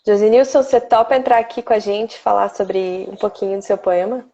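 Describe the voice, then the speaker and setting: A Brazilian woman hosts a relaxed live poetry stream, greeting viewers one by one. Her voice has a gravelly, mellow edge. The audio is slightly dull and lo-fi, like a home computer mic. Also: mid-range voice, a little fast. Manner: chatty, greets viewers by name. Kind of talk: casual live chat.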